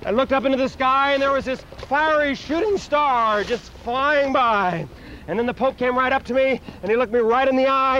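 A man performing an animated comic monologue outdoors in a city park, acting out voices and sound effects, on a dull lo-fi video recording. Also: very high-pitched. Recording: dull lo-fi outdoor video with faint street noise.

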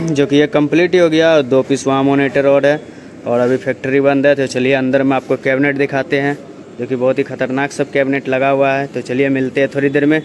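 A young man vlogging his way through a large warehouse, talking in a steady, salesman-like patter with the phone held at arm's length. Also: medium pitch, a little hiss or hum. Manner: steady salesman-like patter, repeats "dekhiye" and "dosto". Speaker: vlogger showing a speaker cabinet factory. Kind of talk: casual vlog walkthrough. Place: large warehouse, partly outdoors.

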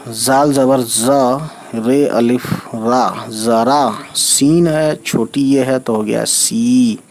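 A man's voice: mid-range voice, fairly even intonation, very slow, darkish tone, a little hiss or hum. A man teaching an Urdu reading lesson, spelling out letters and vowel marks one by one and often checking in with the learner.

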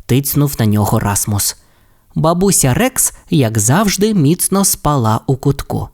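Expressive male children's storyteller. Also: mid-range voice, measured pace. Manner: expressive, friendly address to the child. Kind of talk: scripted children's story narration.

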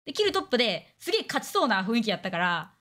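A young woman streamer with a Kansai accent rattles through a casual chat at high speed. Her voice sits slightly high and swings widely in pitch. She talks bluntly and crudely. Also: big pitch swings, fairly bright tone. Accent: Kansai Japanese. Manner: blunt, crude, fast banter with acted-out quotes.

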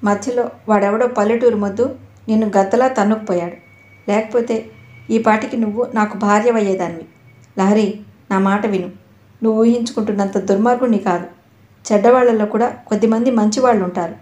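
Lady narrator doing a creepy pushy young guy, pleading then nasty, mellow echoey sound. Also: medium pitch, steady tone, fairly quick, lightly acted. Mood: wheedling. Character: pushy predatory young man, wheedling and menacing. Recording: echoey room.

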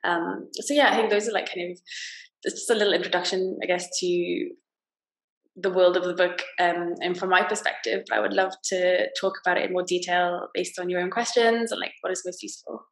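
A woman, a guest novelist talking casually about her book on a video call, slightly croaky from a cold, with lots of fillers and restarts. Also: lowish voice, fairly even intonation, fairly quick. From Wales. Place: small plain room indoors. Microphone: laptop video call. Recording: roomy video call audio.

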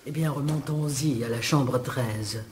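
An actress playing an excitable aristocratic viscountess in a theatrical radio play. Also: female voice, unhurried, echoey room, a little hiss or hum. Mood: scornful. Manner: shrill outbursts, theatrical. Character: haughty excitable aristocratic viscountess, middle-aged.

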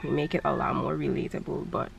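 A young woman vlogging casually from her car, with a low, nasal morning voice and a chatty, candid manner. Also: lively intonation, fast, creaky, background noise. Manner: chatty, candid, laughs easily. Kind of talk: casual vlog chat.

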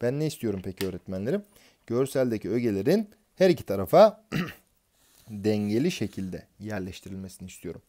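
A man's voice: lowish voice, big pitch swings, a little fast, mellow. A man teaching an exam prep lesson, explaining concepts step by step and answering his own questions as he goes.

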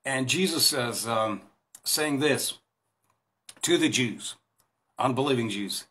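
Recording himself on a phone at arm's length in a small room with a plain wall, a Bible teacher in his fifties with a Russian accent talks slowly in a sharp, medium-pitched voice. The informal talk is hesitant, packed with fillers and restarts, and he gestures throughout.

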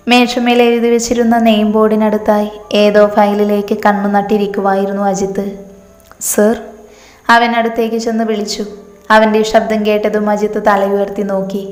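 A woman's voice: medium pitch, a little mellow. A woman reads a romance story aloud in a level, evenly paced voice with little rise and fall. Her voice rings out in an echoey room, and each phrase trails off into a long reverb.

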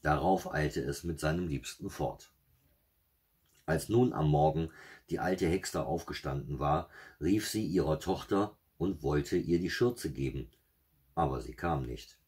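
A man with a husky voice reading a fairy tale aloud in a steady, measured way. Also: rumbling low. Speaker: storyteller.

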